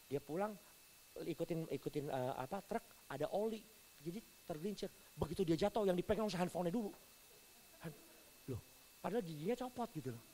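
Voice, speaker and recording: Animated pastor. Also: male voice, fairly high pitch, a little hiss or hum, low-quality recording. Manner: animated storytelling with big swings in volume. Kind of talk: sermon.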